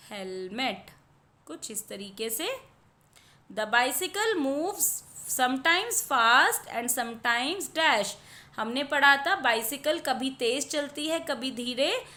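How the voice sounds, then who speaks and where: A woman teacher goes through a children's worksheet, sounding out each short word letter by letter. Her voice is high and bright, and her pace is slow and patient. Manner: patient, explains each answer, sounds out words slowly. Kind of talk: worksheet lesson in Hindi with English words.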